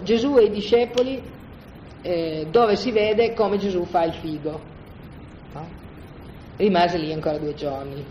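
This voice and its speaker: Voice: mid-range voice, slight background noise. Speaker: teacher. Style: conversational scripture lecture. Sound: roomy, dull lo-fi. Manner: keeps asking "no?". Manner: colloquial, animated explaining with restarts. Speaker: Bible study teacher. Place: room with a group of listeners. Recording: roomy, dull lo-fi recording with faint ambience.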